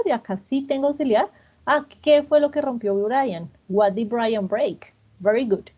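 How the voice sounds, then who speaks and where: A woman with a fairly high, husky voice leads a grammar lesson. She patiently repeats each student's answer and encourages them. The recording sounds dull and lo-fi. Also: darkish tone. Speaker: English teacher.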